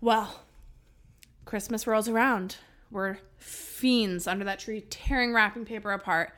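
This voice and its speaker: A woman's voice: mid-range voice, fairly even intonation, unhurried, a bit bright. A woman in her twenties from New York, co-hosting a podcast and telling a funny story with lots of laughter and casual swearing. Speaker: podcast co-host.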